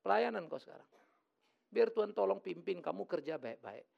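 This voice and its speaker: A middle-aged male pastor preaching a lively, joking sermon in church. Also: sits high, moderate pace, gravelly, highs cut off. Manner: lively, joking, acts out quoted voices.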